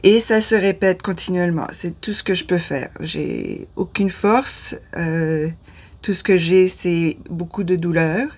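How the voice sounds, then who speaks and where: Her voice is on the low side, a little slow and a little mellow: a vlogger in her fifties from Ottawa with a Canadian French accent. Speaking casually to camera in a small indoor room, she hesitates, often losing her words and beginning again.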